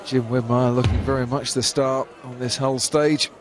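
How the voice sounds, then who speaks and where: A man's voice: medium pitch, steady tone, moderate pace, music in the background. Male darts commentator over a noisy crowd. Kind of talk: live sports commentary. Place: commentary position at darts event. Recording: loud crowd behind commentary.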